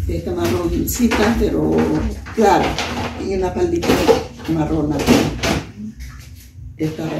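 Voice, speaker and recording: Older woman, soft halting testimony. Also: medium pitch, creaky. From Peru. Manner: halting, soft-spoken storytelling with many diminutives. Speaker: interviewee. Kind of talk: emotional personal testimony. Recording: roomy, distant mic, faint noise.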